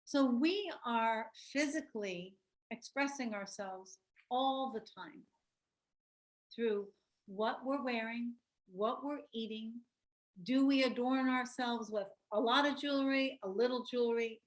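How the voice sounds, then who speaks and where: On a video call, a woman leads an online workshop, her voice on the high side and a little slow. She reflects aloud, tells stories, and asks participants questions.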